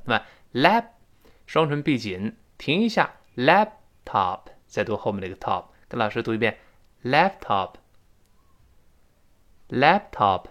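Lively-voiced man teaching English. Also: mid-range voice. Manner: explains pronunciation patiently, reading example lines slowly for repetition. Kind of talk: spoken English lesson.

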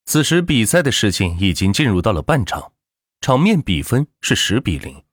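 A man reading a web novel aloud in animated audiobook narration, close to the mic. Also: lowish voice, moderate pace, breathy edge, dry recording. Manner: animated storytelling with expressive rises and falls.

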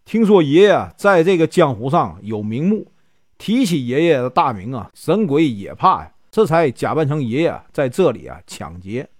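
A man's voice: medium pitch, sing-song, moderate pace, no echo, clean studio sound. A man playing a cowardly begging bandit. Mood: pleading. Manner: begging for mercy.

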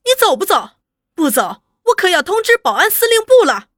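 A woman's voice: extremely high pitch, sing-song, moderate pace, no echo, studio quality, voice pushed up, heavily acted. A woman voicing a wary young woman who answers in a stern, clipped way in an audiobook spy story. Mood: sharp commanding. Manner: stern, clipped, rising to sharp commands. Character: sharp, wary young woman standing her ground.

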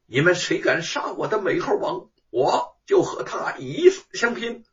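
A male storyteller voicing a proud scholar who pleads and shouts in defense of his monkey. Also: on the high side, very animated, slow pace, dull audio, exaggerated voice. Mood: defiant. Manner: loud, pleading then defiant.

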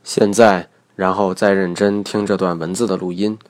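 Man, deep voice, pronunciation teacher, methodical explaining, dry recording. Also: level tone, moderate pace, no echo. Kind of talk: recorded lesson narration.

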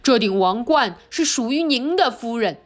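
A woman reading a storybook aloud, voicing a bossy male elephant with slow, loud demands. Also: fairly high pitch, expressive, faint music behind, lightly acted.

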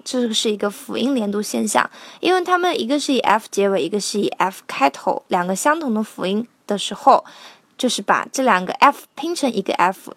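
A woman teaching a song line by line, patiently explaining pronunciation and slowly singing out each sound. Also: medium pitch, dry recording.

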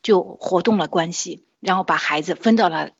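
Husky-voiced woman giving earnest testimony. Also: fairly low pitch, normal speed, highs cut off. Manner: earnest, with frequent hesitations and restarts. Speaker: parent sharing a testimonial. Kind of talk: personal testimony, casual monologue.

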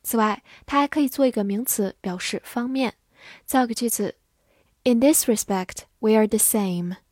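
A woman teaching English vocabulary in a scripted lesson, spelling words letter by letter and reading example sentences slowly. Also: on the high side, darkish tone, no echo, clean studio sound.

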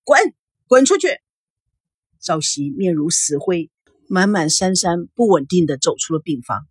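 A woman reading a novel aloud in a dramatic, animated storytelling manner. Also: low voice, normal speed, slightly rough, dry recording, clean studio sound. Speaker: audiobook reader.

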